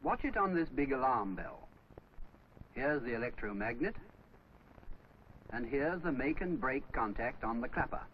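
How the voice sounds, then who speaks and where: On the dull, noisy soundtrack of an old 1950s instructional film, a man reads a scripted narration that teaches step by step. His mid-range voice is animated but a little slow, with long pauses.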